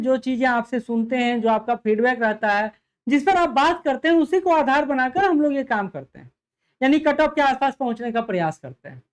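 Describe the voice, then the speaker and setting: A man, a coaching teacher giving an emphatic exam analysis lecture and speaking directly to students. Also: very high voice. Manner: emphatic, repeats figures, addresses students directly.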